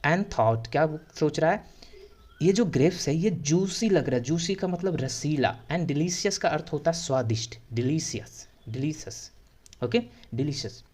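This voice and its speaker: A man teaching English to Hindi speakers, who reads English story lines slowly and word by word, then explains their meaning in quick, repetitive Hindi. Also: on the high side, animated, darkish tone. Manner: repetitive, checking in with "theek hai".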